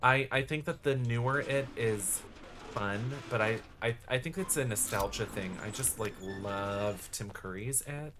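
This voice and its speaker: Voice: mid-range voice, a little slow, noisy background. A live streamer chatting casually with viewers while playing a game, in a campy, exclamatory drag-slang manner. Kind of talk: casual live gaming commentary and chat with viewers.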